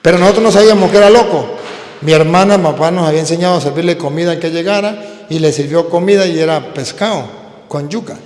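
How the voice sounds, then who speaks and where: A priest preaching a sermon, telling a story and calling out questions to the congregation. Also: male voice, fairly high pitch, quick pace. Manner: animated, calls out questions to the congregation. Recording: echoey hall.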